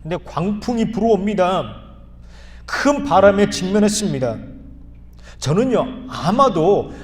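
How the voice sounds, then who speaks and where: A man preaching a sermon as pastor, earnest and repeating phrases for emphasis, often rising to loud pleading. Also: high voice. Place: church sanctuary. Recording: hall reverb.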